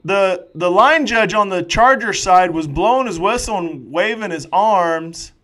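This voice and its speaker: A man with a high, slightly slow voice calls a football match live, play by play. His commentary is excitable and jokey, full of rambling asides.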